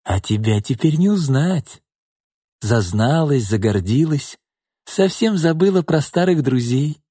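A man's voice: animated, measured pace, mellow, breathy edge, no echo, studio quality. A man reading an audiobook voices a smug, menacing middle-aged thug who mocks and threatens. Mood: sneering. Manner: sneering, mocking, low menacing threats.

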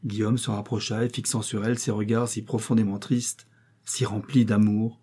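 Mellow, husky male narrator. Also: on the low side. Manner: measured, expressive narration. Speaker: audiobook reader. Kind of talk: dramatic novel reading.

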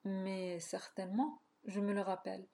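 A woman's voice: mid-range voice, little pitch movement, moderate pace, creaky, mellow, natural voice. A woman voicing a frank, lightly ironic woman of fifty-eight in a storybook reading. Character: cheerful plump woman of 58, frank.

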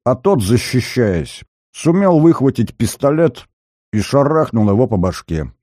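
A man's voice: medium pitch, big pitch swings, a little slow, mellow, no echo, studio quality, pitched above the performer's own voice. A man voicing a flustered young duty lieutenant who blurts out eager, hasty reports.

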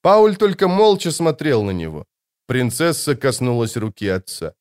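A man narrating a novel as an audiobook reader, in a measured storytelling manner. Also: mid-range voice, wildly swooping pitch, a little mellow, clean tone. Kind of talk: scripted literary narration.

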